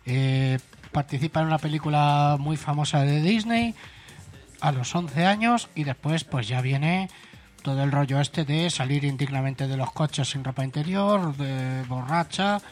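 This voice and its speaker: A man's voice: a little high, unhurried, faint music behind. Chatty man. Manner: chatty, irreverent, with frequent hesitant "eh" fillers. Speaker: radio show host. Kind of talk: casual radio chat.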